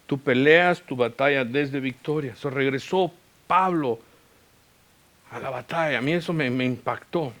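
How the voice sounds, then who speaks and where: A man preaching a sermon as a pastor, telling a personal story with English words mixed in, moving between loud and hushed delivery. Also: mid-range voice, a little slow. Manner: mixes English words into Spanish. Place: church.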